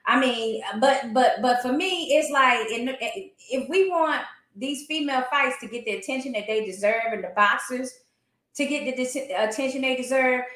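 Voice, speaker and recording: A high-pitched woman gives her opinions in a casual boxing discussion. She is emphatic and colloquial in her delivery. The sound is roomy and echoey. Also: normal speed, a bit bright. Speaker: boxing talk show commentator. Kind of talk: animated casual sports discussion.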